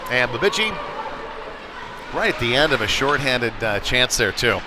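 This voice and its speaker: Very animated, a man with a mid-range voice calls youth ice hockey live at a moderate pace. Filler words and casual asides run through his conversational play-by-play, which is broadcast noisily from an indoor rink.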